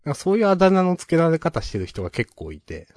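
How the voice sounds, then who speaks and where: A man's voice: a little high, huge pitch swings, quick pace, darkish tone, no room sound, studio quality. A man co-hosting a podcast, telling stories in rambling casual chat with many fillers and chuckles. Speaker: podcast co-host.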